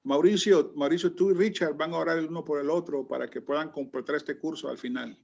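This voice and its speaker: Teaching a Bible class online, a man lectures and calls on students, chatty and constantly restarting sentences with fillers. His higher voice is creaky and darkish, steady in tone and brisk. The video call sound is muffled and lo-fi.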